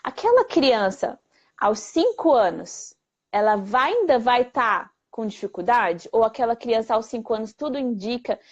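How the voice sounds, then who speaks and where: A woman, a speech therapist answering viewer questions in a lively, plain-spoken way full of rhetorical questions. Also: on the high side, measured pace. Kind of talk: live Q&A explainer. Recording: dull lo-fi livestream audio.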